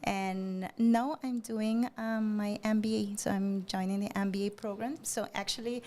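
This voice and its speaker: A woman with an Aruban accent answering interview questions in a halting, hesitant way with frequent pauses. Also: medium pitch, fairly even intonation, a little mellow. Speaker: interview guest, economic affairs professional.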